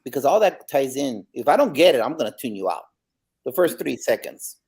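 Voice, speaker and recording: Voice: mid-range voice, big pitch swings, fairly quick, darkish tone, slightly rough. Earnest podcast co-host asking at length. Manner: earnest, restarts words, frames a long question. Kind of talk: podcast interview question.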